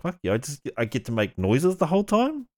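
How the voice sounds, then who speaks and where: A man's voice: fairly high pitch, huge pitch swings, fairly quick, darkish tone. A man with a New Zealand accent hosting a podcast in laid-back, slangy, sweary casual chat. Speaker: podcast host.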